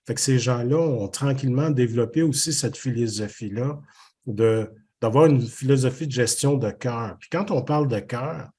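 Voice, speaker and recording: An older man with a Québécois French accent speaks as an interview guest, his husky voice sitting at an ordinary middle pitch. He talks earnestly and reflectively, circling back on phrases and leaning on fillers as he thinks. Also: moderate pace, a little mellow. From Haiti. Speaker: business owner guest. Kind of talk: casual interview conversation.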